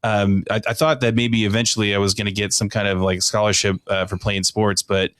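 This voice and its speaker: A man in his thirties from Oklahoma, a guest candidate chatting in a podcast studio with quick restarts and fillers. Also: fairly low pitch, flat delivery, fairly bright tone, no echo. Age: 30s. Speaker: city council candidate, guest. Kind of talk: casual podcast conversation.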